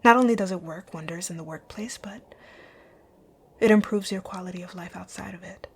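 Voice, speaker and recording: In a scripted, one-sided ASMR roleplay, a female voice actor plays a rich, bossy, dominant company owner who is curt yet flirtatious. Her composed, commanding near-whisper is breathy, low, a little fast and a little mellow, with a softly admiring mood.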